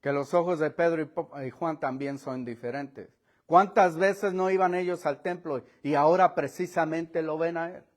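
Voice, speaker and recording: High-voiced preacher with dramatic swings. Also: male voice, normal speed. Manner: preaching with dramatic shifts in pitch and volume, acting out voices; laughs between points, addresses listeners as brother. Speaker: pastor. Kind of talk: sermon. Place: church.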